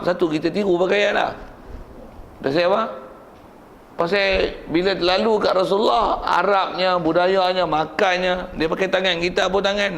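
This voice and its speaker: A man's voice: high voice, gravelly. A man with a Malaysian Malay accent teaching a religious class, conversational and joking, asking and answering his own questions. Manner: jokes with the class.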